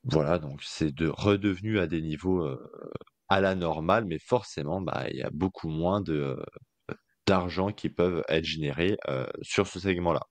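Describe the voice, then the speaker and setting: Low-voiced male podcast co-host, chatty and slangy, dry close sound. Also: normal speed, no room sound. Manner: loose and colloquial, many fillers, jokey asides. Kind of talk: casual investing podcast chat.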